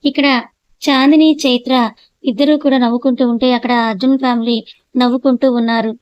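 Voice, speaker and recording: A woman's voice: on the high side, steady tone, a little fast, darkish tone, no echo, lo-fi sound. A woman narrating an audio story as host. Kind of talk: storybook reading.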